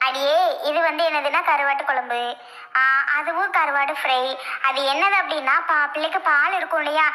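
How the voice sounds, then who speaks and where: A woman's voice: high-pitched, a little fast, pushed and bright, low-quality recording. A woman doing a bossy cartoon aunt. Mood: explaining. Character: middle-aged aunt, scolding and doting. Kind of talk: cartoon voice acting.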